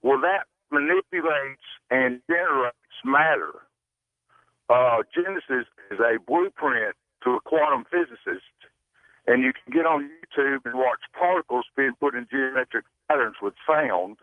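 A man's voice: medium pitch, moderate pace, no echo. A man calling in to a radio show on a phone line that keeps breaking up, talking earnestly with many fillers. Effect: choppy phone line breaking up like a frozen call. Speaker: caller. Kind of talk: radio call-in. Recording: tinny dry phone line.

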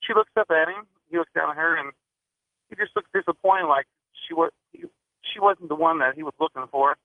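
Fast-talking man over a tinny phone line. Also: fairly high pitch, no room sound. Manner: rushed, with lots of fillers and restarts. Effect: over the phone, cutting in and out. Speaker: caller. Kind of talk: telling a ghost story on a call-in show.

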